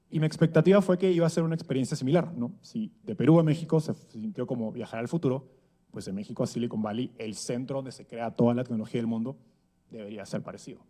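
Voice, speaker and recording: A man in his thirties speaks from an event stage in a mellow, relaxed voice. His talk is conversational and full of fillers and little rhetorical tags. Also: mid-range voice. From Peru. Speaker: speaker giving a conference talk. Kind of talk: conference talk. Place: event stage before an audience.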